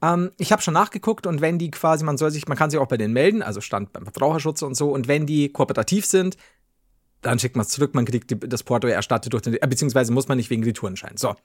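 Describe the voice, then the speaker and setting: A man's voice: mid-range voice, quick pace, dry recording, clean studio sound. A man telling a podcast anecdote in casual chat, acting out dialogue and swearing casually. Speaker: podcast co-host.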